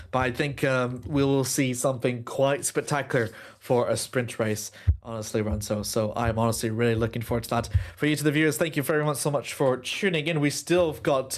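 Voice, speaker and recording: A male motorsport commentator with a mid-pitched voice runs through results for viewers in live broadcast style. Music plays behind him.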